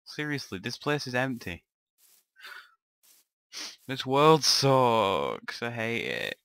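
A man's voice: mid-range voice, sing-song, slow pace, vocal fry, a bit bright, clear, resonant tone, no room sound. A young man giving rambling, grumbling commentary over his own gameplay, often swearing to himself. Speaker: gamer narrating a let's play.

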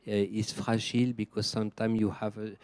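A man with a French accent, a gem engraver answering questions in halting English and searching for words. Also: fairly low pitch, level tone, a little mellow, no room sound. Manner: hesitant, searching for words, many fillers.

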